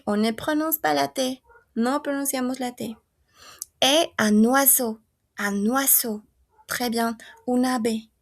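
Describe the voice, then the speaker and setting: A woman's voice: on the high side, fairly bright tone. A woman teaching a French lesson, patiently repeating and modelling each word. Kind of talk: language lesson.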